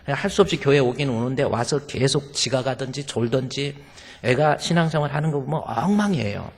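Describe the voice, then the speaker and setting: Gravelly-voiced male pastor preaching. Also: mid-range voice, a little fast. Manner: emphatic, with rhetorical questions to the congregation. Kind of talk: sermon. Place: church sanctuary. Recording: long church reverb.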